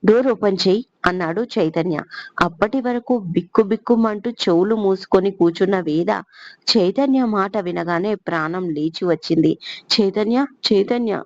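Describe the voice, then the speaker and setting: A woman's voice: mid-range voice, darkish tone, no room sound, dull audio. A woman storyteller narrating a serialized love story, reading every character in her own voice.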